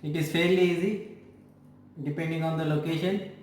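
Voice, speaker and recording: A man's voice: fairly high pitch, steady tone, darkish tone. Man teaching anatomy in an echoey room. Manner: slow, repetitive explaining with frequent restarts. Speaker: physiotherapy teacher. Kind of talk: explanatory lecture. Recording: echoey room with faint ambient noise.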